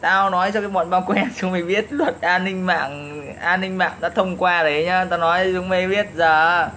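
A man's voice: high voice, fairly even intonation, normal speed, sharp tone, a little hiss or hum. A man ranting at his critics in a taunting, profane way, laughing at them as he insults them. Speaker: online commentator. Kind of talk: taunting profane rant to camera.

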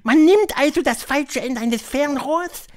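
A man reading an audiobook, voicing an imperious female witch leader who lectures in a shrill, drawn-out way. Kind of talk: audiobook character voice.

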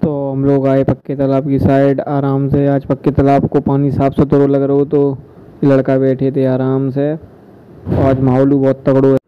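A man's voice: mid-range voice, monotone, normal speed, clear, resonant tone. Young man chatting through a daily vlog. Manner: easygoing, rambling chatter with local dialect. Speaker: vlogger. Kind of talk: casual vlog narration. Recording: slightly dull lo-fi phone audio.

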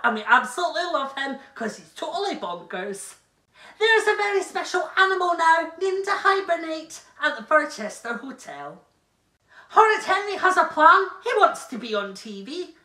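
Kids' TV host, female, high bright voice, bouncy delivery, echoey room. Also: distant mic. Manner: bubbly, exaggerated and playful. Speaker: children's TV presenter. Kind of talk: live continuity links between kids' shows.

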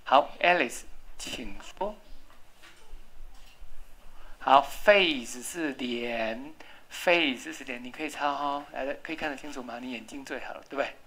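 Deep-voiced woman teaching english in a classroom, slow patient drilling. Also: fairly bright tone, husky. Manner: patient, drills spelling and pronunciation slowly.

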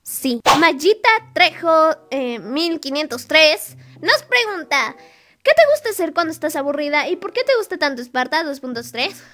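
A woman runs a casual question-and-answer vlog, reading out fan questions. Her voice sits high and she answers in a playful, giggly way. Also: sing-song, normal speed, sharp tone, soft background music.

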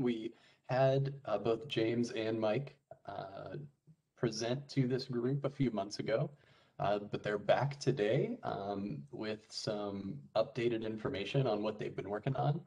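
A man's voice: lowish voice, a little slow, gravelly, warm tone, muffled recording. A man opening a virtual advisory board meeting as moderator, speaking hesitantly with many fillers. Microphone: video call.

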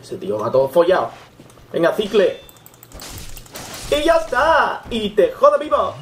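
A young man gives excitable Let's Play commentary, swearing and yelping at the game. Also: high voice, unhurried, slight background noise. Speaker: gaming YouTuber.

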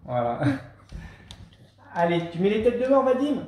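A host leading a casual home cooking demonstration, gently encouraging children as they help, with a relaxed, hesitant delivery. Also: medium pitch, a little slow. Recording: echoey room with faint noise.

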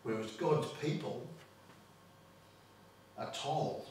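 A man's voice: mid-range voice, drawn-out words, darkish tone, slight background noise. A man with an Australian accent preaching a sermon as pastor, stressing points and repeating words as he builds them. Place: church. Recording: very echoey church hall, mic far off.

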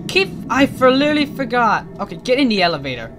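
Excitable let's-play commentator, lively pitch. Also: quick pace, noisy background. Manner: excitable, rambling, frequent fillers. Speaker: gaming channel host.

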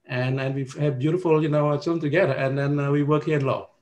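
A man's voice: a little high, fairly even intonation, fast talker, darkish tone. A man, introducing himself as a panelist on a video call in an earnest way, with many fillers and restarts. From Cambodia. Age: 50s. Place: indoors with a virtual background.

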